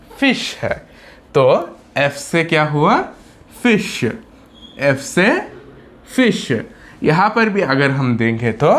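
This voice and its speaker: A man's voice: on the high side, a bit bright. A man with a Hindi accent teaching English letter sounds step by step, asking and answering his own questions and repeating each example twice. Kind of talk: slow step-by-step phonics lesson.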